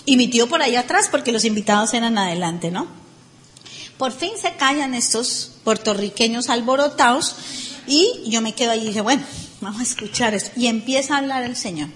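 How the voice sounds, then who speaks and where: Animated high-voiced Colombian woman. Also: a little fast. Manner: animated, sarcastic, acts out people. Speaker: storyteller. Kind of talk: casual anecdote telling.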